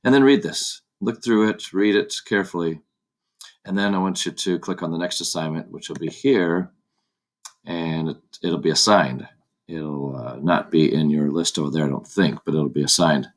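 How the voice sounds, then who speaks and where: Low-voiced male Spanish teacher. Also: moderate pace. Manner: patient, explains step by step, with repeats. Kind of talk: screencast lesson walkthrough. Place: at a desk with a laptop. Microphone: computer mic on a laptop.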